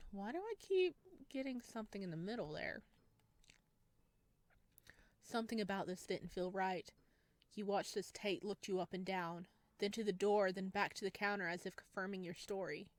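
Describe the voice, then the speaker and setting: While working through a horror visual novel, a woman narrates its second-person passages out loud and chats to viewers on the side. Her pitch is medium, her pace moderate, and there's no room sound.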